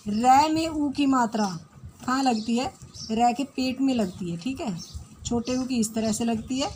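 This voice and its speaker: A woman's voice: fairly high pitch, a little mellow, slight background noise. A woman teacher with an Indian accent giving a recorded lesson to young children, patiently explaining, asking questions and answering them herself. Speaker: primary school teacher.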